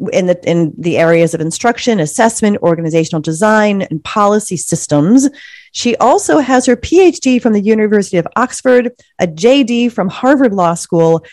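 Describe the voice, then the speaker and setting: A woman's voice: medium pitch, a little mellow, no echo, studio quality. A woman hosting an interview podcast, upbeat and chatty with lots of filler words. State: slight frog in throat. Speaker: podcast host. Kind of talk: enthusiastic interview.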